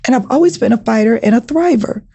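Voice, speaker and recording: Woman guest telling stories with a lot of drama, gravelly husky voice, kinda dark and mellow. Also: on the high side, fast talker. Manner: animated, dramatic storytelling. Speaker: podcast guest. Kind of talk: storytelling in casual talk.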